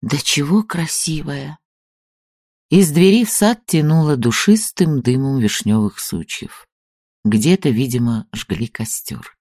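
Man, audiobook narrator, calm even reading, lively pitch, dry close sound. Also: unhurried, no echo.

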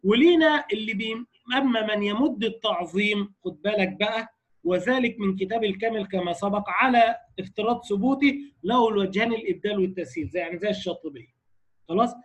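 Egyptian male recitation teacher, high voice, explains step by step and keeps checking that students follow. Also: fast. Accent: Egyptian Arabic. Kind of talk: lecture on recitation variants.

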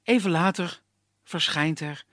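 A storyteller narrating a puppet show tale in a gentle, matter-of-fact way. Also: male voice, fairly high pitch, measured pace, dry recording, studio quality.

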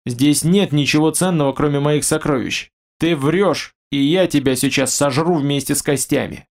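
A man voicing a huge, ancient male beast guarding treasure, gruff, blunt and suspicious. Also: a little high, normal speed, close to an everyday voice. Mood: menacing. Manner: grumbling, blunt, menacing. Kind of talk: audiobook character voice.

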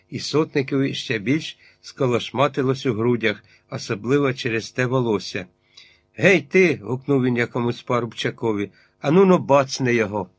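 A man reading a literary novel aloud in a measured way, in short phrases. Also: mid-range voice, breathy edge. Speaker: audiobook narrator.

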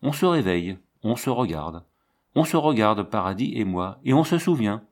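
Male narrator, literary audiobook, low voice, measured expressive reading.

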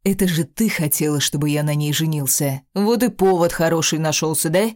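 A man's voice: a little high, a little fast, no echo, clean studio sound, lightly acted. A woman reading an audiobook, voicing a furious, domineering young man who barks harsh accusations at his grandmother. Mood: accusing. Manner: barking, harsh. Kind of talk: audiobook character voice.

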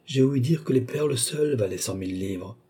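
A man reading an audiobook, voicing a gentle, devoted young noble lady in a softly lifted voice. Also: mid-range voice, lively intonation, a little fast, slightly rough. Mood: tender.

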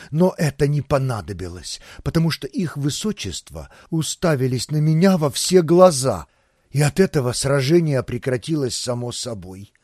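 An expressive male narrator reading a novel in the first person, theatrical and animated. His voice is a touch husky and fairly high, and the recording is dry and close. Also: no echo. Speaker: audiobook narrator.

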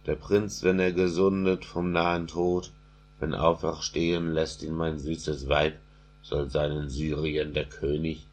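Man voicing a doting aging king, storybook verse, very deep voice, flat steady delivery. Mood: solemn. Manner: solemn, slow verse recitation.

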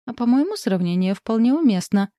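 A woman's voice: lowish voice, fast, no room sound, dull audio, lightly acted. A woman voicing a reproachful grown woman. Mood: heated. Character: adult woman, reproachful and reasoning.

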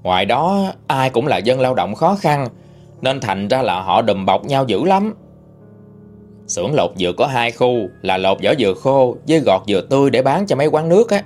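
A man narrating a first-person story in a steady recounting manner. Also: mid-range voice, moderate pace, faint music behind.

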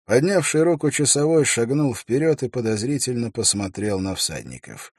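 A man narrating a fantasy audiobook in a measured, even storytelling manner, close to the mic. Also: medium pitch, slightly rough, no room sound.

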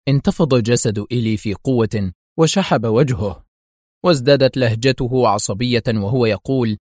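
Brief: male thriller narrator, middle pitch, steady read, close dry mic. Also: no room sound. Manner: steady, measured reading. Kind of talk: dramatic audiobook narration.

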